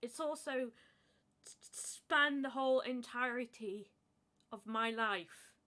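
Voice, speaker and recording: This is a woman in casual podcast chat, taking her time with a slow and unhurried delivery. She hesitates a lot, fills gaps with ums and breaks into light laughter. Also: fairly high pitch, bright, forceful tone. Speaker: podcast co-host.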